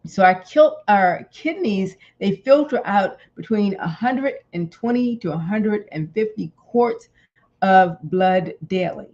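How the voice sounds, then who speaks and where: A woman's voice: mid-range voice, darkish tone. Chatty rambling woman on a lo-fi stream. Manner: chatty, rambling, restarts often, laughs easily. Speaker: health channel host. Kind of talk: casual live-stream health talk.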